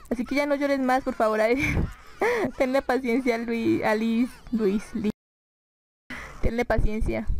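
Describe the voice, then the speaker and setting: A woman chats through a life-simulation game at her computer microphone. Her voice sits a little high, and she sounds chatty and exasperated as she comments on the play. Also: a little mellow, low-quality recording. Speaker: gaming YouTuber. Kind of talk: casual let's-play commentary.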